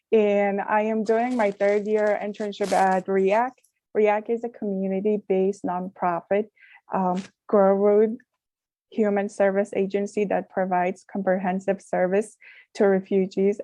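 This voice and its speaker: Uma jovem mulher do Afeganistão apresenta com cuidado, hesitando e recomeçando frases. Tem uma voz suave e escura, gravada de forma seca, sem eco. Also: female voice, mid-range voice, dark tone, no room sound. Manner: careful, halting with restarts. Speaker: social work intern presenter. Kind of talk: prepared presentation.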